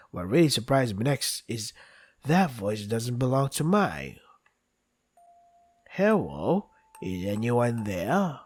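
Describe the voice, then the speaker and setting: A man's voice: mid-range voice, slightly rough. A man reading visual novel text aloud for a playthrough, acting out lines and dropping in casual joking asides. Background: game music.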